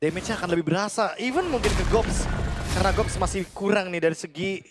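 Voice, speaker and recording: Quick-talking male esports analyst. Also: sits high. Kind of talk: casual live match analysis. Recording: loud music under the voice. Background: loud music.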